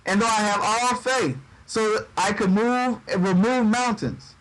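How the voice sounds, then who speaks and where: Speaking a little slowly in a high pitch, a man leads a relaxed Bible teaching on a livestream mic, reading verses aloud and expanding on them conversationally. Southern "y'all" comes up, along with frequent stumbles and repeated words, all in a rough recording.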